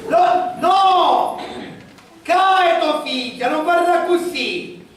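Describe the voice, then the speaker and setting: A lead actor in an amateur stage comedy, with a Sicilian accent and loud, exasperated comic banter. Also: very high voice, animated, very slow, a little hiss or hum, exaggerated voice. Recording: echoey hall, taped from far off. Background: laughing audience in a large hall.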